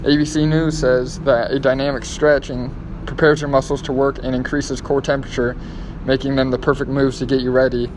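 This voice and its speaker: A man's voice: medium pitch, little pitch movement, brisk. A young man in casual coaching talk with a bro-like, slangy manner. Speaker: gym coach in a skit. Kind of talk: casual gym banter and coaching. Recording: echoey, distant mic, noisy room.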